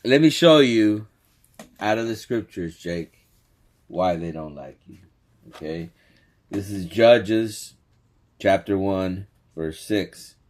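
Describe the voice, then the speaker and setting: A man's voice: deep voice, takes it slowly, pauses often. A man teaching scripture in casual commentary, laughing often and checking in with "okay?". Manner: laughs often, animated, says "okay?" a lot. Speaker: religious teacher commenting on a clip.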